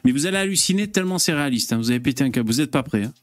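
A man's voice: medium pitch, expressive, racing, dry recording. A man hosting a casual live stream, chatting with viewers in a loose, hesitant way with lots of fillers and curse words. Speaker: host.

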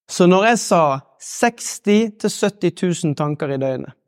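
High-voiced man giving a motivational talk. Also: animated, no echo, clean studio sound. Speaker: motivational speaker. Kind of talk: live motivational talk with guided exercise.

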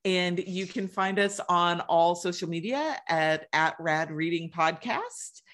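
A woman co-hosting a podcast, giving an upbeat, brisk sign-off. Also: on the low side, a bit bright. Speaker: podcast co-host. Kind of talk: podcast outro.

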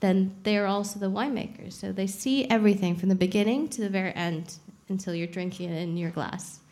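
A woman's voice: medium pitch, brisk, a little mellow. A young adult woman, a champagne expert guest on a live podcast, explaining frankly and casually, swearing now and then. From Saudi Arabia.

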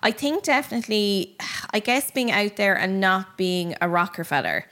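A woman's voice: medium pitch, moderate pace. Chatty woman telling a story. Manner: animated, chatty, lots of fillers. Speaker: podcast host. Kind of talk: casual storytelling chat.

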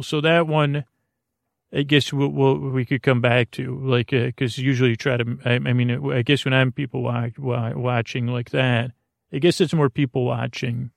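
In a clean studio recording free of room sound, a podcast host rambles through a bedtime monologue. His voice is creaky and mid-range, and he keeps halting, drifting off track, then finding his way back to the point.

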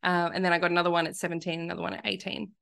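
A woman's voice: fairly low pitch, very fast, vocal fry, clear, resonant tone. Aussie woman spinning a funny story on a podcast, laughs a lot, easygoing. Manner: animated storyteller, laughs often. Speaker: podcast guest. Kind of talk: casual storytelling chat.

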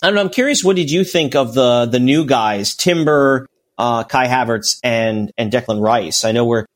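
A man's voice: mid-range voice, moderate pace. Rambling male podcast co-host. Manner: rambling, full of restarts and "you know". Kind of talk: casual chat.

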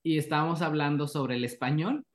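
A man with a Mexican accent, a guest on a podcast, telling lively anecdotes and acting out the dialogue in them. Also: a little high, fairly quick. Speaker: animator guest. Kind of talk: casual podcast interview.

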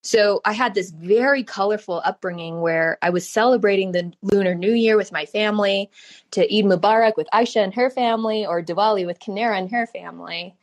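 Speaking briskly in a mid-range voice, this podcast guest, a woman in her thirties from California and a startup founder whose first language is Mandarin Chinese, shares her life story through conversational interview storytelling.

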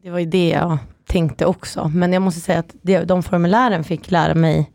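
A woman guest on a chat podcast telling stories in a lively way, acting out quotes. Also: fairly low pitch, gravelly, no room sound, studio quality. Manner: lively storytelling, acts out quotes. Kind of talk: casual chat.

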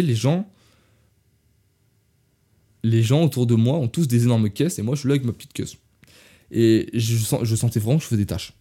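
In a mellow voice on the low side, a young adult from France shares travel stories on a loose, rambling podcast. He corrects himself often, starts over at times, and speaks straight to listeners, calling them "les gars."

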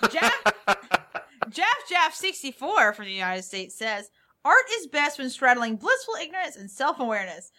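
Brief: podcast co-host, lively swooping voice, playful read. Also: female voice, high-pitched, moderate pace. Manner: playful, laughing. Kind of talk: casual podcast chat, reading listener reviews.

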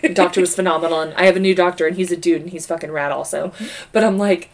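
A young adult woman co-hosting a podcast, telling stories in a casual, profane, animated way into a podcast microphone. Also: on the low side, fast talker. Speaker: podcast co-host. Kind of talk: casual chat.

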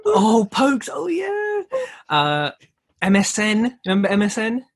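A man's voice: high voice, lively intonation, measured pace. A man hosting a casual chat, slangy and a little hesitant. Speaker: podcast host. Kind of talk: casual chat, introducing topics.

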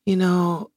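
This interview guest, a singer in her sixties, has a fairly low, bright and forceful voice. She reflects thoughtfully, often groping for words and filling gaps with "you know," and the recording has no room sound.

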